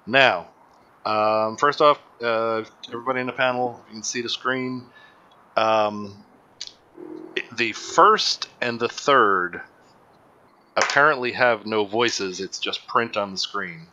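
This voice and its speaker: A man's voice: fairly low pitch, slow pace, pushed and bright, highs cut off, slight background noise. A man hosting a live commentary panel, joking casually, laughing often and restarting his sentences. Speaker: host of a live movie commentary show.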